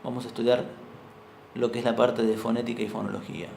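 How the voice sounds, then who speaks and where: A man's voice: medium pitch, flat delivery, quick pace, creaky, darkish tone, distant mic, a little hiss or hum. A young man with an Argentine accent teaching an informal university class, explaining patiently and often checking with students. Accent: Argentine Spanish. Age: young adult. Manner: explanatory, asks the class for agreement. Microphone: far room microphone. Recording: very echoey room recorded from afar.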